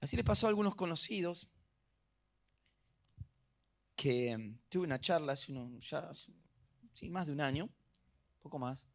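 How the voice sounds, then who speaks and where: Animated Argentine pastor preaching. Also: male voice, a little high, moderate pace, pauses often. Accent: Argentine Spanish. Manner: animated preaching, acting out little dialogues, swinging from soft to loud. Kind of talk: sermon.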